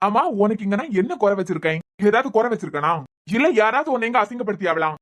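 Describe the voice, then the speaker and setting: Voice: medium pitch, lively intonation, quick pace, a bit bright, natural voice. A performer voicing a young husband who is a police officer in a cartoon series, defensive and pleading, with a Kanyakumari Tamil accent. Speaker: cartoon character. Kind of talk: cartoon web series dialogue.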